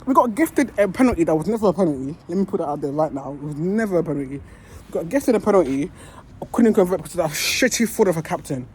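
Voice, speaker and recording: A woman delivers an angry fan rant, cursing and repeating herself as she builds her case. Her pitch swings widely from low grumbles to sharp peaks, over a faint hum of background noise. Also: expressive, fast. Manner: heated, swearing, repeats herself. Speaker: football fan.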